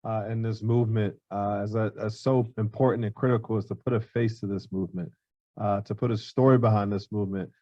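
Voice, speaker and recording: A man moderating a panel discussion, halting and filler-heavy, losing his voice. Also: on the low side, fairly even intonation, dry recording, dull audio. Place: event hall.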